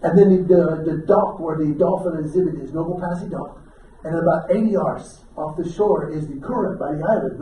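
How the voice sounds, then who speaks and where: Middle-aged male comic, high voice, lively storyteller; distant room mic, audible crowd noise. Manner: animated, acts out quotes with shouts. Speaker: stand-up comedian. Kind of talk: stand-up storytelling. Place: event hall with live audience. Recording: echoey hall from far off, crowd noise.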